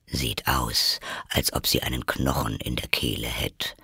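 A man voicing the Gryphon, a gruff and blunt winged storybook beast, in a curt growl. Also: very deep voice, fairly even intonation, unhurried, sharp tone, no echo, clean studio sound, pitched below the performer's own voice, full character voice.

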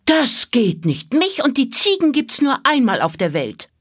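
A woman's voice: fairly high pitch, very animated, normal speed, slightly rough, no room sound, studio quality, pitched above the performer's own voice. Woman voicing Mira, eager little girl. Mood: excited. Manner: eager, breathless questions. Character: curious excitable little girl.

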